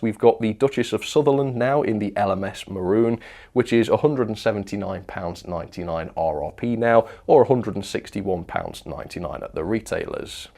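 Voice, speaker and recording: The presenter of a model train review channel, a man with a British accent, offers casual, opinionated product news commentary. He speaks conversationally with little asides, in a lowish, slightly mellow voice.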